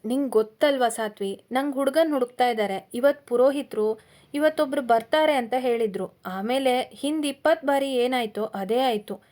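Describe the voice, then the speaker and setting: A woman voicing a gentle, upset younger sister who speaks softly and apologetically in a storybook reading. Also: sits high, normal speed, natural voice.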